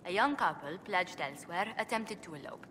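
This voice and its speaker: Her voice on the low side yet bright and forceful, with lively intonation and a slightly fast pace, an actress voices a polite, formal, articulate noblewoman diplomat in scripted fantasy game cutscene acting. The mood is earnest and diplomatic, and the recording carries long hall reverb, faint ambience and a little hiss or hum.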